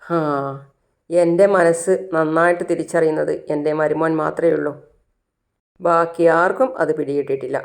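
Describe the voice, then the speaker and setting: A woman's voice: deep voice, fairly even intonation, moderate pace, vocal fry, long pauses. A narrator voicing a troubled middle-aged mother who sounds weary and resentful.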